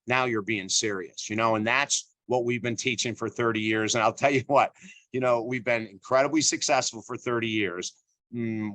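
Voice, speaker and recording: A man's voice: lowish voice, fairly bright tone, no room sound. A middle-aged man, an author speaking as an interview guest, talking emphatically and earnestly with lots of "you know" fillers and repeated phrases. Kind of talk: conversational interview.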